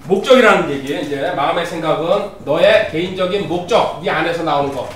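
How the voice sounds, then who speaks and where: High-voiced pastor preaching in a roomy hall. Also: male voice, fast talker, slight background noise. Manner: teaching with scripture readings, asks the congregation questions. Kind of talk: sermon. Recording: roomy, distant, faint ambience.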